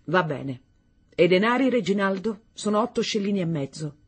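A practical wife with a brisk, insistent manner, voiced by a woman reader. She speaks a little higher and louder than the narration, with a soft, breathy edge. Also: animated.

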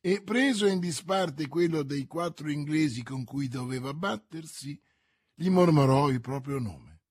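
A man narrating a classic novel aloud in a steady, measured storytelling manner. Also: fairly high pitch, breathy edge, no echo, clean studio sound. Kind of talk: audiobook reading of a classic novel.

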